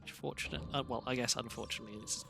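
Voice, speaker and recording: A man's voice: mid-range voice, quick pace, gravelly, over music. A man streaming a video game late at night, talking to himself in a dry, self-deprecating mumble while sleepy. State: sleepy, yawning. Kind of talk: casual gameplay commentary.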